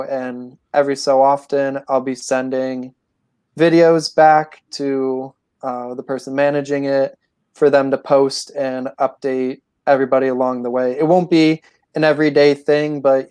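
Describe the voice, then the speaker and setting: A young man in his twenties speaks as a guest, laying out his plans in a steady, measured way. His voice is smooth and clear, with a flat, level melody. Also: mid-range voice. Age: 20s. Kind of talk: casual interview.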